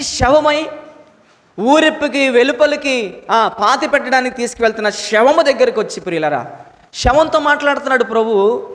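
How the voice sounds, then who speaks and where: High-pitched guy preaching a sunday sermon, big swings between loud and low, church hall with a long echo. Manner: rhetorical questions to the congregation. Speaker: pastor.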